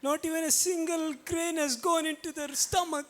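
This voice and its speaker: A woman's voice: very high voice, fairly even intonation, normal speed, a bit bright, a little hiss or hum. A woman playing a poor, desperate mother who pleads anguished with her husband, in an amateur devotional stage drama. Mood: pleading. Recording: background violin music.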